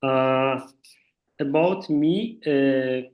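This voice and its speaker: A visiting artist from Iran, a man whose first language is Farsi, gives an informal talk over a Zoom call. He speaks haltingly at an average pitch, hunting for words in his second language, and the video-call audio comes through a bit muffled.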